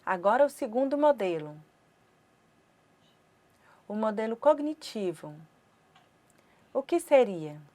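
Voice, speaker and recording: A Brazilian Portuguese woman interprets a sign-language course lecture aloud, voicing the teacher's words on the fly. Her fairly high voice is warm and very animated, yet she keeps to careful, measured short phrases with pauses in between.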